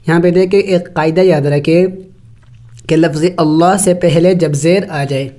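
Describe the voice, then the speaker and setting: A Quran tajweed teacher giving a step-by-step recitation lesson. They spell out syllables slowly, then explain each rule at a brisk pace. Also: mid-range voice, steady tone, mellow.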